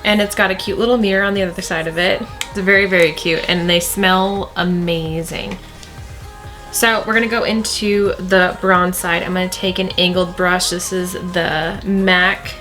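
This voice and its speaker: A woman's voice: lowish voice, fairly even intonation, moderate pace, a bit bright. A woman talking through a makeup tutorial in a chatty, casual way, often repeating words for emphasis, with faint music behind her. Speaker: beauty vlogger.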